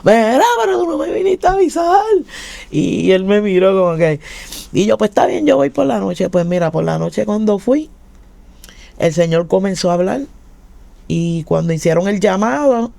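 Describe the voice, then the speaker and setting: Puerto Rican woman with a gravelly voice. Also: on the low side, normal speed, no echo. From Puerto Rico. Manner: animated storytelling, acting out quoted dialogue. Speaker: guest giving testimony. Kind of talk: casual spoken testimony.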